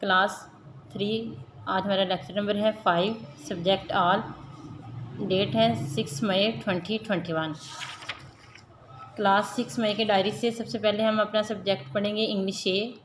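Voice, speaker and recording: A woman teacher, giving a recorded online lesson to young children and reading words slowly and deliberately. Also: mid-range voice, steady tone. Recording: echoey room, faint background hum.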